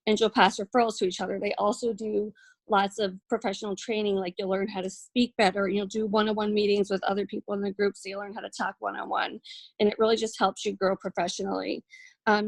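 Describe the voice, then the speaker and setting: A woman's voice: mid-range voice, no room sound. A woman leading an informal team training, talking in a chatty way with many fillers and restarts, and saying she feels shy and nervous. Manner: self-described shy and nervous. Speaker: network marketing team trainer. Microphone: recorded for a video.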